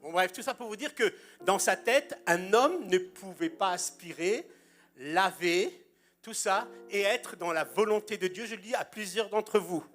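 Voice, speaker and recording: A man's voice: high-pitched, unhurried, fairly bright tone, soft background music. A man in his sixties, a pastor preaching a sermon in a church and telling humorous anecdotes with punchlines.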